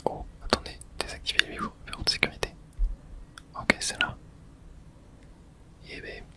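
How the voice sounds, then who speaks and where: Someone whispers casual, hushed ASMR commentary while playing a video game, breathy and thinking aloud at a moderate pace.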